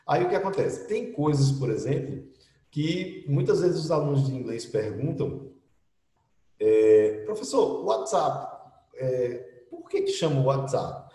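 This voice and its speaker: Teaching English online, this middle-aged Brazilian Portuguese-accented man explains things in a chatty style packed with tag questions. His mid-range, mellow voice swings widely in pitch and moves a little slowly, heard through a distant computer mic with roomy echo.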